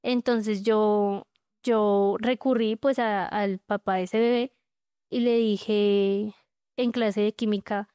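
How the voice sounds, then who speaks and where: A woman giving a candid personal testimony as a podcast guest, talking in a halting way with many fillers. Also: mid-range voice, fairly even intonation, dark tone, smooth, no room sound, studio quality. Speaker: guest sharing her story.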